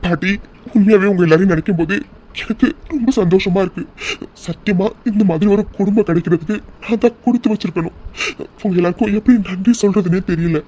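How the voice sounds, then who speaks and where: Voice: mid-range voice, a little fast, a little mellow, natural voice. Someone voicing a flustered, sheepish young groom. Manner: apologetic, flustered, pleading. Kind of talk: cartoon voice acting.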